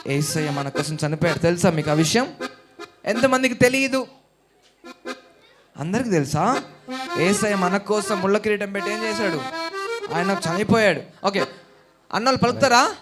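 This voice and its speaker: A man leading children in a call-and-response worship song at a children's Bible school, coaxing them to repeat each line louder. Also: high-pitched, expressive, moderate pace, long pauses, over music.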